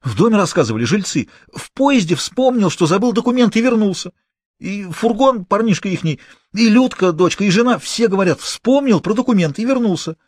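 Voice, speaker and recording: A man's voice: sits high, expressive, fairly quick, no room sound, studio quality, voice pushed up. A man voicing a terrified petty male thief who pleads and babbles frantically, repeating himself. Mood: panicked. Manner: frantic, repetitive, whimpering.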